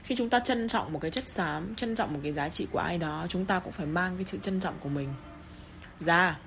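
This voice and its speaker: A woman teaching English pronunciation, speaking bluntly in Vietnamese and reading English examples with a Vietnamese accent and slow, exaggerated rises and falls. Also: fairly low pitch, creaky, fairly bright tone, slight background noise. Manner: blunt, scolding asides in Vietnamese. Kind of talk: online English pronunciation lesson.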